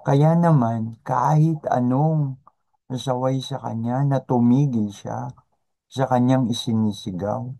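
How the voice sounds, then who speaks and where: A man's voice: medium pitch, steady tone, a little slow, gravelly, mellow. A middle-aged man preaching a gospel reflection, earnest and repetitive, echoing his key phrases and slipping English phrases into his Tagalog.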